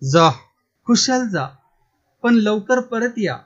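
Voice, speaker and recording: A man voicing a defiant middle-aged village official who speaks forcefully and indignantly. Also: sits high, big pitch swings, takes it slowly, heavily acted. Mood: stern. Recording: dull lo-fi recording.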